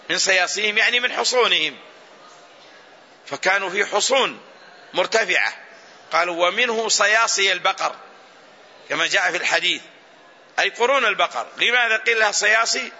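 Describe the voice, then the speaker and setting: A male scholar teaches a religious lesson in a high, piercingly bright voice. He moves through his explanation deliberately and repeats key phrases so that they sink in. The recording is muffled and lo-fi. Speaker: Islamic scholar teaching Quran exegesis. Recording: dull lo-fi recording.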